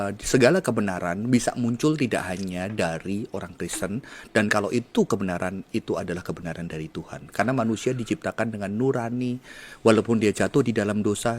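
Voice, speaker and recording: A man's voice: lowish voice, slight background noise. A middle-aged man, a pastor, chatting casually and earnestly, slipping English words into his speech and growing emotional. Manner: earnest, preachy, grows emotional. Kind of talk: casual podcast chat.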